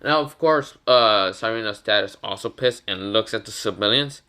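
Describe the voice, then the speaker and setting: A man's voice: fairly low pitch, normal speed, bright, forceful tone, clean tone. A man casually improvising a fan fiction story, rambling with fillers and restarts.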